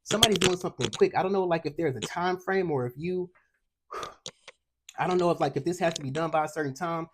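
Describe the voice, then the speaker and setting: A man's voice: fairly high pitch, brisk, slight background noise. Fired-up, profane male tarot reader. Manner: streetwise, profane, fired-up and emphatic. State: out of breath at times. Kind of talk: collective tarot reading.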